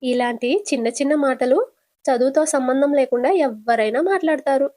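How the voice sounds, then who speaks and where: Calm, patient older sister with a fairly high voice, as a woman storyteller voices her; retold serial. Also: fairly quick, close to an everyday voice. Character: gentle modest young married woman, older sister. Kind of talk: casual retelling of a TV serial.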